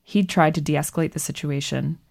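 Low, gravelly woman narrating. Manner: measured, even storytelling delivery. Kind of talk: scripted narration.

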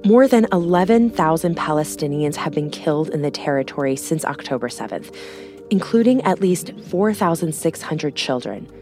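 Woman news podcast host, low register, measured scripted narration, soft music bed. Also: animated.

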